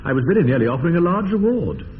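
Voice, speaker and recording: An actor playing a pompous, evasive young upper-class English gentleman in a radio comedy, indignant and formal in his phrasing. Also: a little high, very animated, rapid-fire. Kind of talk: radio drama acting of period comedy. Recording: tinny band-limited radio, long reverb, hiss.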